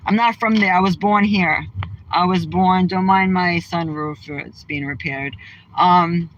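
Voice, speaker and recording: A woman's voice: fairly low pitch, a little slow, dull audio, slight background noise. A woman from Massachusetts hosting a casual livestream, bluntly firing back at viewers' comments from her car. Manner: brash, outspoken, trash-talking. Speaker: livestream host. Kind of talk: casual live chat reading comments.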